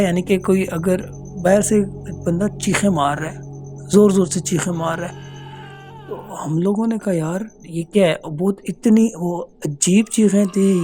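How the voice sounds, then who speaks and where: A man telling a true ghost story as a casual voice note, earnest and hesitant, pausing often. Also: high voice, dark tone. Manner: earnest, unhurried, hesitant with many pauses. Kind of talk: casual spoken recounting of a true horror experience. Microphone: phone voice note.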